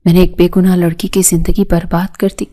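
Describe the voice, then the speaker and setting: A woman's voice: on the low side, flat delivery, mellow, lightly acted. A woman reading the lines of a remorseful young man who pleads in a broken voice.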